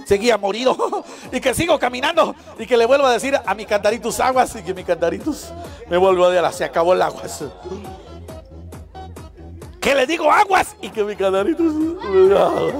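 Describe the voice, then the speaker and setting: A man with a very high, squeaky clown voice leaps all over his range as he performs for a crowd of children. He is playful and laughs often as he calls out to them. Faint music plays behind him. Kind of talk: live clown show for children. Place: live show before an audience of children.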